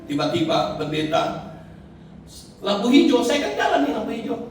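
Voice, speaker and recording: Indonesian pastor man preaching, animated storyteller, very echoey church hall, music playing behind. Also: high voice, moderate pace, far from the mic. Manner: animated storytelling preacher, acting out quoted voices. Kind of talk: sermon.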